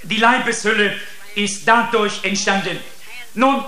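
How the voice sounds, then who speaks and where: Man, preacher, sermon, high bright voice, echoey room. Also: fairly even intonation, measured pace. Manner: earnest, addresses listeners with repeated "seht".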